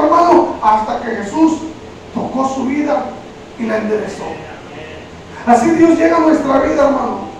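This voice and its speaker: A man preaching a sermon, calling listeners brother over and over as he retells Bible stories. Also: very high voice. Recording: very echoey room, from far off, faint noise.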